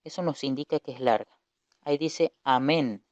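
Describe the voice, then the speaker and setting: A man's voice: medium pitch, moderate pace, darkish tone, dry recording. A man teaching a recorded Hebrew lesson, explaining patiently, repeating key points and correcting himself as he goes. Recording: dull lo-fi dry recording.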